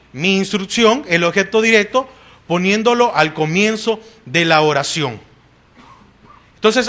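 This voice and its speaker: A man's voice: high-pitched, sharp tone. A man with a Salvadoran Spanish accent preaching a sermon in church, asking the congregation questions and answering them with frequent "amén".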